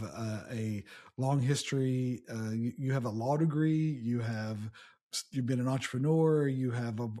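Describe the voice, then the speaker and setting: Husky-voiced male podcast host. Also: mid-range voice, a little mellow. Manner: affirming, conversational questioner. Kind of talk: podcast interview.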